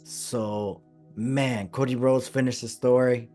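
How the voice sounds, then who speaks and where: A man hosting a wrestling podcast, chatting excitedly and stressing his points, his voice a bit hoarse. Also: mid-range voice, slow, soft background music. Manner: excited, emphatic, repeats phrases. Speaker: podcast host. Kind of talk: casual podcast chat.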